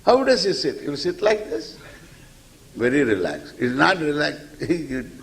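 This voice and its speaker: Animated man teaching scripture. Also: fairly high pitch, measured pace, creaky, poor audio. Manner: animated storyteller, chuckles often, recites Sanskrit verses. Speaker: spiritual teacher. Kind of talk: lecture on scripture.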